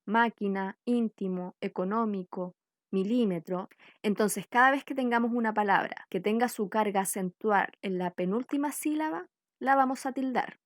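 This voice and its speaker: A woman from Chile giving a scripted spelling lesson, reading out example words one by one in a slow, deliberate way. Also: fairly high pitch, no room sound, studio quality. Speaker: workshop teacher.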